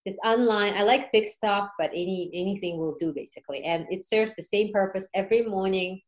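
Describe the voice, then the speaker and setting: On a podcast, a woman at medium pitch and a fairly quick pace recounts what she went through. She tells it casually, regularly pausing to ask check-in questions.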